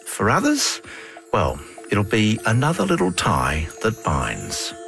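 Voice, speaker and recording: An Australian man reading scripted, reflective narration like a nature documentary, in measured, lyrical phrases as a radio host. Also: on the low side, huge pitch swings, gravelly, a bit bright, faint music behind.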